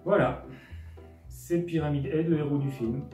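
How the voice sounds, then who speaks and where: A man's voice: on the high side, fairly even intonation, unhurried, mellow. A man narrating a scripted comedic film recap as host, sarcastic and full of casual asides, with music underneath. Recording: roomy echo, music underneath.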